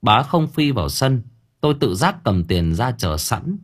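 A man reading a first-person audio story in a lively, colloquial way. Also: medium pitch, measured pace, breathy edge. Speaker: narrator.

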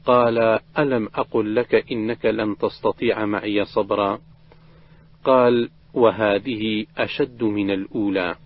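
A man with a low voice reads an old religious text aloud at an even, measured pace. His recitation carries the quoted exchanges without acting them out. The recording sounds dull and muffled. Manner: steady measured reading, quoted dialogue read without acting. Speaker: reader of a hadith collection.

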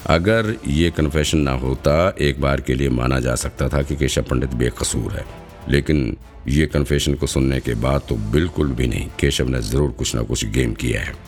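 A sharp-minded young woman investigator in an audiobook, reasoning aloud and probing every detail, as a man puts her on in a raised voice over a very deep natural register. Her lines run with a quiet bed of music underneath. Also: moderate pace. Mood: analytical.

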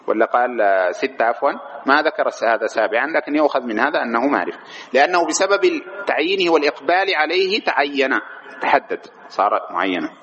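A man's voice: fairly high pitch, fairly bright tone, dull audio, a little hiss or hum. A man teaching a grammar lesson to a class, explaining patiently, questioning the students and drawing out example words as he repeats them. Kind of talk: classroom lecture on Arabic grammar.

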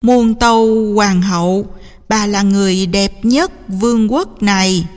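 A woman voicing a courtly magic mirror that answers in measured, formal verse. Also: medium pitch, darkish tone, long reverb tail, faint music behind, natural voice.

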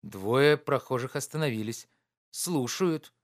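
A man's voice: mid-range voice, lively intonation. A man reading a classic novel aloud as an audiobook narrator. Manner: measured narration.

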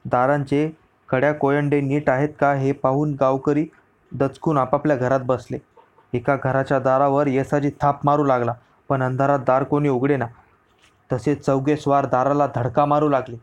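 A man reads a historical story as an audiobook, narrating in a steady storyteller style at medium pitch and normal speed.

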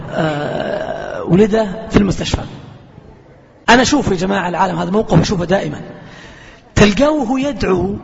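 High-voiced, fast-talking preacher. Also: male voice. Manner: earnest, emphatic, storytelling with oaths. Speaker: lecturer answering audience questions. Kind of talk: religious lecture with questions and answers. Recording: echoey hall, dull lo-fi sound, faint hiss.

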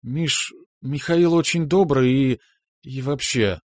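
A man's voice: medium pitch, slow, no room sound, clean studio sound, voice pushed up. A man voicing a shy, flustered young intern woman. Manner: timid, hesitant, stammering.

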